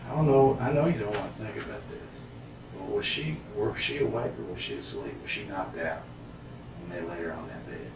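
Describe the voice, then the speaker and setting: A man's voice: fairly low pitch, expressive, brisk, vocal fry. A man questioning someone as a police interrogator, methodical and probing, repeating answers back. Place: echoey interrogation room, far mic. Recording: echoey room, distant mic, heavy noise.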